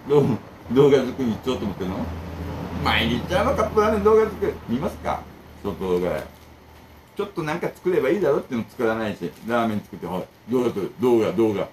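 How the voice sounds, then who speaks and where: A man chats casually to camera, rambling from one complaint to the next and back to advice. His mid-pitched voice swings widely up and down as he talks, and a faint hum of background noise sits under it. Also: fairly quick, poor audio. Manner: rambling, animated, jumps between complaints and advice. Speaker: bento shop owner and channel host.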